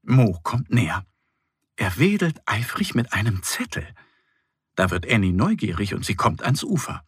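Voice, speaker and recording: A man narrating a scripted children's story in a gentle, expressive reading style. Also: fairly low pitch, moderate pace, breathy edge, no echo, clean studio sound.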